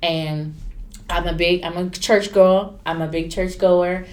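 A woman, a stylist chatting candidly in an interview and acting out quotes with lively turns. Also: on the low side, a little slow. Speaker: stylist and entrepreneur. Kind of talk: casual interview storytelling.

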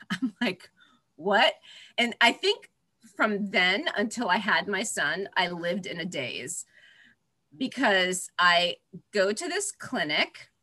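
A woman in her forties from Florida, chatting as a podcast guest, lively with frequent laughs and fillers. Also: medium pitch, takes it slowly. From Florida, USA. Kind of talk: casual interview chat.

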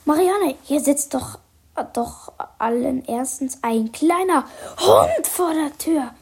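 A woman voicing a male accomplice of a crook, by turns gruff and mock-sweet. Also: sits high, takes it slowly, warm tone, voice pushed up. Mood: startled. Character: male villain's accomplice, gruff then sugary.

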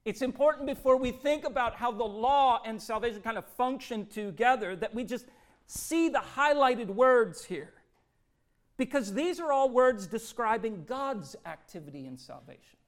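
A pastor preaching an impassioned sermon, swinging from hushed, tender passages to loud, ringing declarations. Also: male voice, extremely high pitch, lively intonation, normal speed.

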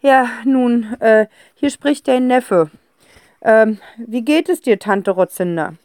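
A woman's voice: on the high side, expressive, moderate pace, warm tone, no echo, clean studio sound, pitched above the performer's own voice, natural voice. A woman voicing a flustered, hesitant middle-aged father who stammers in a children's audiobook.

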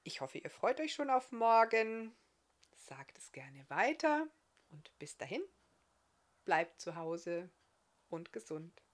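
A woman, the author, reading her fairy-tale novel aloud in a calm, expressive storytelling manner. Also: on the low side, slow, long pauses.

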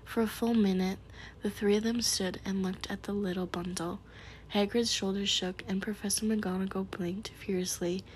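A woman reading a storybook aloud in a soft, hushed whisper. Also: mid-range voice, slight background noise.

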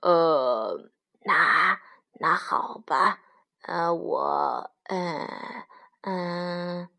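A woman voicing a grumpy old male wolf in a storybook read-aloud, gruff and prone to stammering. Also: medium pitch, animated, slow pace, fairly bright tone. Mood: flustered. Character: big grumpy old male wolf, bluffing then flustered.

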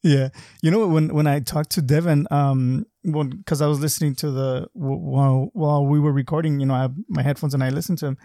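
A man hosting a podcast, interviewing a guest in a friendly, halting way with many repeated words. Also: fairly high pitch, fairly even intonation, creaky, warm tone, no echo, clean studio sound. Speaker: podcast host. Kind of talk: casual interview chat.

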